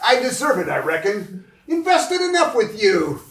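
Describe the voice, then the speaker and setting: A man's voice: sits high, wildly swooping pitch, normal speed, a bit bright, full character voice. A man playing a greedy, bullying freak-show owner who barks orders and sneers. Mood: contemptuous. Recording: roomy, distant from the mic.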